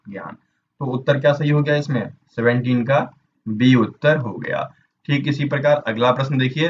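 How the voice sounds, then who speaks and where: A man leads an exam-prep Hindi lesson at a mid pitch, spelling each word out letter by letter and stopping to ask the viewer which option is right. The recording is a little dull and lo-fi, with a faint hum of room noise behind his voice. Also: a bit bright. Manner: spells words out letter by letter, asks the viewer questions.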